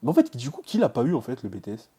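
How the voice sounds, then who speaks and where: A man's voice: medium pitch, huge pitch swings, racing, warm tone, husky. A young man chats straight to his viewers in a casual vlog. He is nervous and keeps stumbling, cutting off and restarting his sentences as he goes through his results. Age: young adult. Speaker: vlogger.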